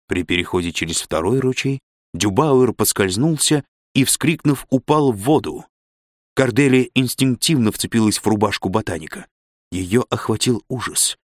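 A man reading an audiobook in a steady, expressive narration. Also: mid-range voice, normal speed, no echo, clean studio sound.

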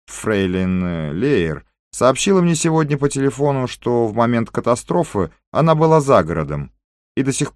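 A man voicing an excitable, talkative Frenchman in an audiobook, speaking with animated emphasis. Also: on the low side, dry recording, studio quality.

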